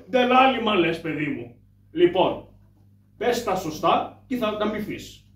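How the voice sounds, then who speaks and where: A fussy, proper older gentleman of shadow puppet theatre, as a puppeteer puts him on, prim and scolding. His voice is lower than the trickster's and rings in a roomy hall, heard from a distance. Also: very animated. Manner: prim, scolding, calls others "my child". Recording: echoey distant stage mic, faint ambience.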